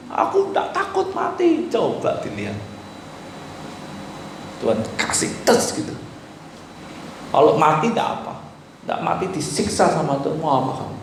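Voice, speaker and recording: A male pastor delivers an animated sermon, rising loud and dropping to a hush as he acts out pleading voices. His voice sits fairly high for a man. It rings through a very echoey hall, with faint noise behind. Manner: animated preaching, quoting pleading voices, swings between loud and hushed. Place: church hall.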